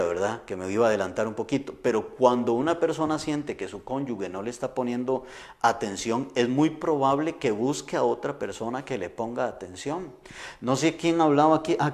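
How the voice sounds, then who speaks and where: A man's voice: medium pitch, darkish tone. A middle-aged man, a pastor preaching a sermon in an earnest, conversational way with frequent restarts.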